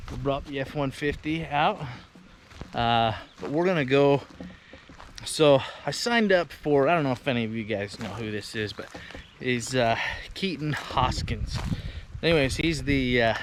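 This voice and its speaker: A man talking casually to camera as a vlog host, in an informal, halting, rambling way. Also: medium pitch. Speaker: vlogger and host. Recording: noisy outdoor ambience, vehicle and river noise.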